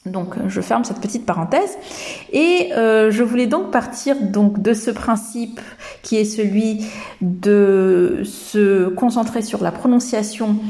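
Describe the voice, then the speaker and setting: Woman, podcast teacher, slow-paced, mellow tone, hesitant with fillers. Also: medium pitch. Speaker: English teacher and podcast host. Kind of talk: podcast lesson in French.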